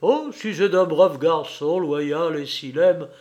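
A man's voice: fairly high pitch, slow, darkish tone. Butscha, sly hunchbacked young man, read by a man.

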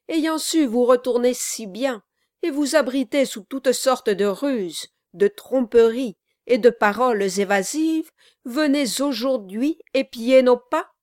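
A woman playing a stern gentleman in an audiobook who presses his accusations with indignation. The delivery is slow and deliberate. It is recorded close with no room sound. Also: fairly high pitch, no room sound. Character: stern, exasperated gentleman traveller. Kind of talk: audiobook reading.

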